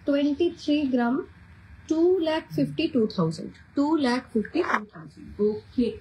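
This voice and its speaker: Chatty high-voiced Kolkata Bengali woman. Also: darkish tone, a little hiss or hum, low-quality recording. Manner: chatty, repeats every weight and price twice. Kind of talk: casual live-stream sales chat.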